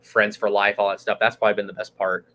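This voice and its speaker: Fast-talking young man, eager and chatty. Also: on the low side, flat delivery, bright, forceful tone. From United States, California. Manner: quick, eager, laughs often, lots of "like". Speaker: guest, young real estate investor. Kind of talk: casual podcast chat.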